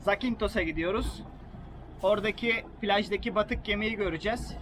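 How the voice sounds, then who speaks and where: A man's voice: sits high, normal speed. A man hosting a travel vlog, narrating and chatting casually to the camera and his companion. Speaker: vlog host. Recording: loud music behind the voice. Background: music.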